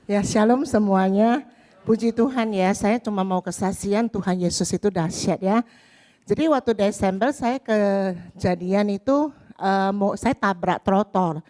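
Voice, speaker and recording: A woman's voice: medium pitch, measured pace, warm tone. A middle-aged woman giving a chatty spoken testimony in church, acting out the dialogue as she tells it. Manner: storytelling, chatty, acts out dialogue.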